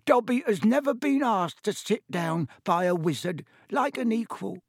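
A man voicing a small, servile male house elf in an audiobook, squeaky and strained, fawning and pleading. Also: animated, unhurried, vocal fry, dry recording, studio quality, exaggerated voice. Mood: tearful gratitude. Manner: pleading, talks of himself in third person. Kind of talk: audiobook character voice.

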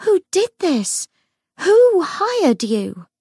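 A fierce young shadow huntress demands answers, her voice pushed up high and loud as a woman narrator puts her on. Her tone is urgent and insistent. The recording is dry and close. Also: huge pitch swings, measured pace, dry recording, full character voice. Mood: demanding.

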